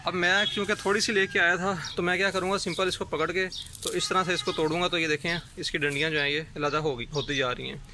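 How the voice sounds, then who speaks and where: A man's voice: sits high, steady tone, quick pace, hardly any pauses. A man explains, step by step and with many fillers, how he makes hay for his goats. He is outdoors on a rooftop, speaking to a phone camera he holds. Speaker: rooftop goat farming vlogger. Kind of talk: casual explanatory vlog. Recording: outdoor recording with clear background noise.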